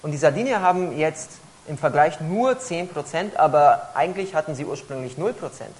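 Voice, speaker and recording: A woman interpreting a talk phrase by phrase, often pausing and hesitating as she searches for words. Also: low-pitched, expressive, darkish tone, rough recording. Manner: frequent hesitations while rendering each phrase. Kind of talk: consecutive interpreting into German.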